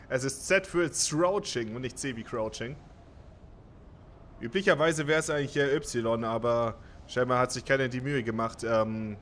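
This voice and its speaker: Playing an online game live, a male streamer at medium pitch narrates his own play, dropping to quiet mutters and then erupting in panicked yells and curses, mixed with self-mocking jokes. There's a faint hiss or hum.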